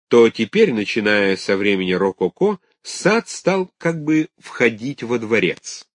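Low-voiced man reading a scholarly book. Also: dry recording, clean studio sound. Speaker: audiobook narrator. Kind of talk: reading a scholarly text aloud.

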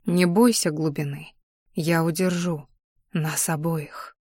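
A woman voicing a cold, menacing male sea spirit with a low, hoarse, hushed voice. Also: normal speed, no room sound, clean studio sound, natural voice.

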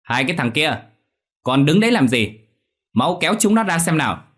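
A man's voice: lowish voice, sing-song, normal speed, slightly rough. A man voicing a cruel, greedy female moneylender who screeches and curses in a storybook tale. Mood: furious. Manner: screeching, cursing, scornful.

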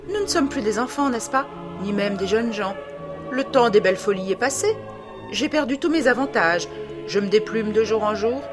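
A woman's voice: mid-range voice, natural voice. Mocking cadaverous scoundrel for a storybook reading, voiced by a woman, overly familiar, taunting. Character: sinister corpse-like male blackmailer, mocking.

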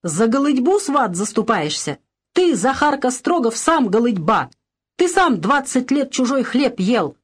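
A woman's voice: mid-range voice, expressive, moderate pace, lightly acted. A woman voicing a harsh, greedy rich peasant man who speaks curtly and cuttingly, in a storybook reading. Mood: furious. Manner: curt, cutting.

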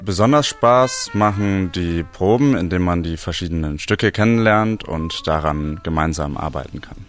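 A man in his twenties, a trumpeter, speaking briskly and explaining in an interview. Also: low voice, faint music behind. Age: 20s. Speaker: trumpeter in a youth big band. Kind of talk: interview answers.

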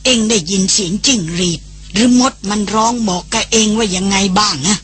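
A woman reading an audiobook voices an old male master hunter who talks gruffly and grumbles. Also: medium pitch, brisk, fairly bright tone, a little hiss or hum, close to an everyday voice. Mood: irritable. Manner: gruff, irritable teasing.

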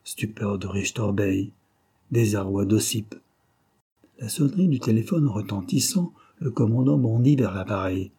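A man narrating a novel in a steady, measured reading. His voice sits low, with a mellow darkness and a husky grain. The delivery stays even and unhurried. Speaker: audiobook narrator.

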